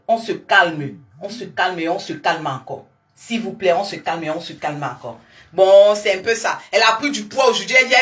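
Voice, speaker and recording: Young woman, live-stream weight-loss coach; bright, forceful, slightly high voice, chatty and coaxing. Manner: lively, repetitive, coaxing viewers with endearments. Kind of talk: casual live-stream talk to followers.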